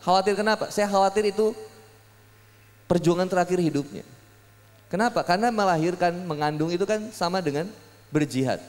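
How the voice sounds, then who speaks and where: A young man preaching a sermon, joking and telling lively stories to his audience. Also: sits high, a little fast, long pauses, long reverb tail. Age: young adult. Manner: lively, joking storytelling with voiced asides. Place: public hall gathering.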